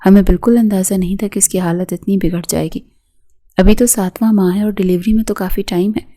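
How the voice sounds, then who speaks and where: A woman's voice: mid-range voice, fairly even intonation, no room sound, close to an everyday voice. A woman reading the lines of an exasperated young husband who answers sharply. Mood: worried. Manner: angry, sharp tone.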